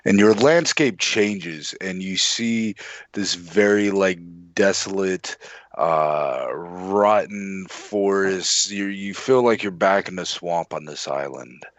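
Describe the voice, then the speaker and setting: A man running a tabletop game as its game master, narrating grim scenes in an unhurried, measured way. His voice is very low and slow, and the mic sound is close and dry. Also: no echo, muffled recording.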